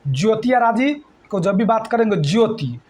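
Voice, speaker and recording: A man's voice: high voice, lively intonation, normal speed, a little mellow. A male teacher leading a classroom exam-prep lesson, quizzing students with call-and-response questions and repeating mnemonics. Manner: repetitive mnemonic chanting.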